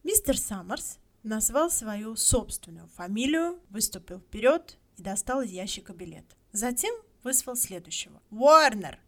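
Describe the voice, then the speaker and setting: A woman's voice: fairly high pitch, animated, normal speed, hardly any pauses. Woman narrating a short story. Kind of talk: audiobook story reading.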